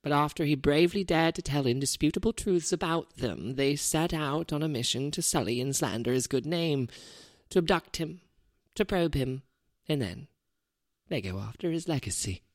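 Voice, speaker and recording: A low, dry, close voice with big swings in pitch , acted by a woman. She is a grave, self-important lady author in a radio comedy, with a paranoid edge. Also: lively intonation, moderate pace, no echo. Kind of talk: comedy radio sketch acting, celebrity parody.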